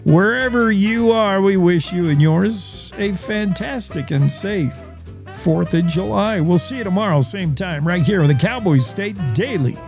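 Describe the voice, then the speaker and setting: A man's voice: high-pitched, expressive, a little slow, gravelly, a little mellow, faint music behind. A man hosting a news show, giving folksy, opinionated commentary and repeating his points.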